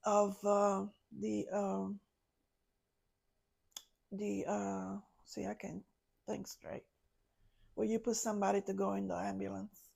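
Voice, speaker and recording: A woman, a podcast guest, recounting a personal story in a halting way, searching for words. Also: medium pitch, completely flat delivery, creaky, darkish tone. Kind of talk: personal story told in an interview.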